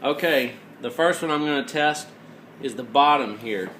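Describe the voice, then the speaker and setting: A roomy echo and clear background noise surround a man giving an informal mechanical tutorial. Explaining each step in a plainspoken way, he speaks at medium pitch and a moderate pace, his tone a bit bright.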